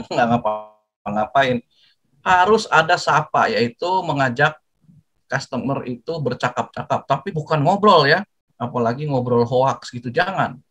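An older man giving a lively, jokey talk to students, acting out greetings as he goes. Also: mid-range voice, husky, low-quality recording. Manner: jokey, animated, acts out greetings. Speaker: guest speaker.

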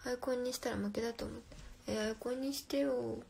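A woman's voice: on the high side, fairly even intonation, fast talker, creaky, darkish tone, husky. A young woman hosting a casual phone livestream, reading viewer comments aloud and answering playfully, often dropping to a whisper. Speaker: livestream host.

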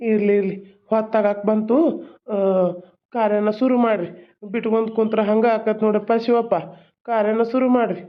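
A man voicing an older village man with a North Karnataka Kannada accent, speaking in a slow, matter-of-fact way. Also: high-pitched, flat delivery, close to an everyday voice. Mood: advising. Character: older village man giving practical advice. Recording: tinny phone-like sound.

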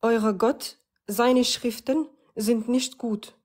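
A woman's voice: on the high side, fairly even intonation, slow, darkish tone. A woman calling into a livestream, speaking in a mocking and exasperated way. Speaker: caller. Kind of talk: casual call-in on a livestream.

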